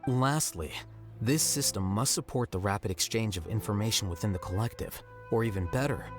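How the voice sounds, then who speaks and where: An actor playing a composed, blunt scholar in a video game, explaining in a measured, didactic manner. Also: male voice, fairly low pitch, over music, close to an everyday voice. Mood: explanatory. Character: cool, analytical male scholar, composed and blunt. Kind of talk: video game dialogue acting.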